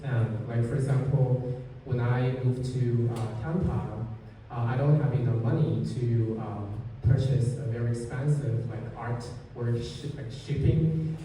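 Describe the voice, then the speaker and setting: A man's voice: medium pitch, fairly even intonation, measured pace, warm tone, slight background noise. A man from China, a sculptor on a gallery panel, speaking hesitantly with many fillers. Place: gallery event space. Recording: echoey hall, distant mic.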